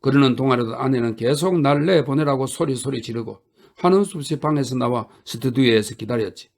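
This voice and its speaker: A man reads a novel aloud for sleep, his mid-pitched voice carrying a gravelly edge. The reading is calm and steady. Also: a little fast. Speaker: audiobook narrator. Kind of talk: audiobook narration for sleep.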